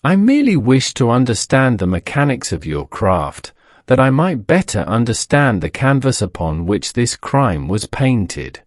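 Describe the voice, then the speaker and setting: A man voicing a calm, analytical detective in a soothing, measured way. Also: medium pitch, no echo, studio quality.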